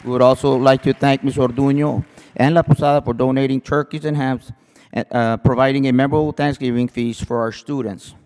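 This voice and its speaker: A man's voice: medium pitch, steady tone, a little fast, darkish tone. A man acting as emcee formally reads thank-yous and introduces the next speaker, with small stumbles over names. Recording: long hall reverb.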